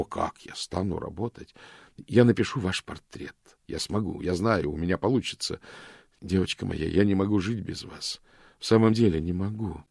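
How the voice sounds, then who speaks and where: A man reading an audiobook, voicing a lonely, shy older man who speaks gently and humbly. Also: sits low, vocal fry, no echo, studio quality.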